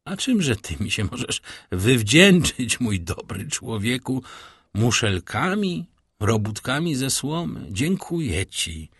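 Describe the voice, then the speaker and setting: A man voicing a grave, noble, wealthy count, once a prisoner, speaking in a solemn, measured way with a husky voice. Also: medium pitch, big pitch swings, fairly bright tone, dry recording, clean studio sound, full character voice. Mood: calm.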